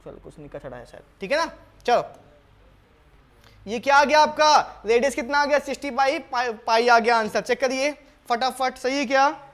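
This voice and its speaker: A man with a notably high voice teaches a maths lesson, working through a problem step by step. He keeps putting questions to his students and answering them himself. When he reads out the English question, he slows to a careful word-by-word pace. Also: a bit bright. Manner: calls students "beta", coaxing and patient. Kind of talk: board exam lesson, solving problems step by step.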